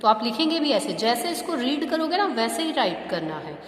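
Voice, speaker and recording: Echoey high-voiced woman teaching maths. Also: big pitch swings, brisk, slight background noise. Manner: patient, step by step, calls students "beta"; checks understanding with rhetorical questions. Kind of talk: classroom lesson explaining to students.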